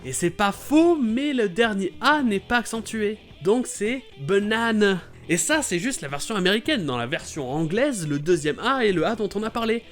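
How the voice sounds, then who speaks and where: A man with a high voice narrates a scripted explainer in a playful, enthusiastic way. He sounds animated and upbeat as he walks through pronunciation points. Faint music plays under his voice. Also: moderate pace, few pauses. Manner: lively, playful, exclamatory. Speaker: YouTube host explaining English pronunciation.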